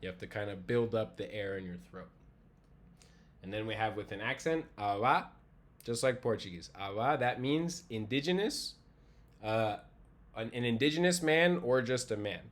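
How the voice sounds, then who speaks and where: Casual low-voiced man teaching online. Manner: casual, demonstrates pronunciation by repeating words slowly. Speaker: language teacher. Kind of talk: online class lecture.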